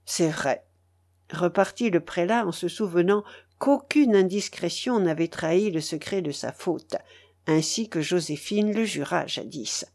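Woman, audiobook narration, classic novel, dramatic, expressive, slow. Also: lowish voice. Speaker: reader.

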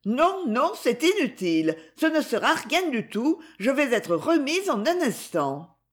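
A woman's voice: high-pitched, very animated, measured pace, pitched above the performer's own voice. A woman voicing a shaken, modest young woman in a read novel, protesting in a raised voice. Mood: flustered.

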